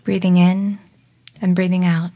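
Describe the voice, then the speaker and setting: A woman leading a guided relaxation exercise in a slow, soft voice that often drops into a whisper. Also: on the low side, flat delivery. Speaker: meditation guide.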